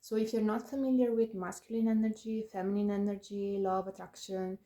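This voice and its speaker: A woman's voice: medium pitch, flat delivery, a little fast, mellow. A woman author chatting casually to camera about her new book, laughing often and making self-deprecating asides.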